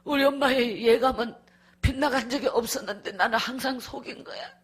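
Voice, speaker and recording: A middle-aged woman evangelist gives her testimony at a revival meeting. Her voice is husky and sits a little high, and she tells the story vividly with strong feeling. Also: fairly quick.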